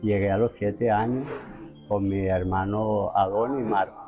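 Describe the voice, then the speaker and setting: Older man, born in Italy, trainer telling anecdotes, soft music under, restarts a lot. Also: on the low side, steady tone, a little slow, muffled recording. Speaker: racehorse trainer. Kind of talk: interview storytelling.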